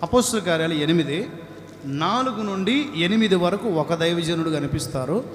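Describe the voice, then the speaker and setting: High-voiced male preacher, echoey hall. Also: expressive, normal speed. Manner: exhorting, calls for congregational responses; dramatic wailing laments in a raised voice. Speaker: pastor. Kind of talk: Telugu sermon to a congregation. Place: church hall. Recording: echoey hall with ambient noise.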